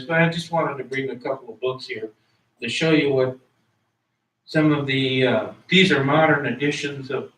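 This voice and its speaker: Recorded from a distance in a reverberant classroom, a man with a fairly high, somewhat bright voice lectures conversationally. He questions his students and repeats the key words.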